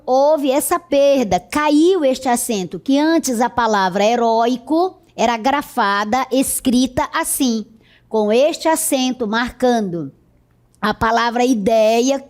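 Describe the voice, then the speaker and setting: A woman teacher with a Brazilian Portuguese accent, giving a recorded lesson in a patient, explanatory way and checking in with her students often. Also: a little high. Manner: slow, explanatory, checks in with "certo?".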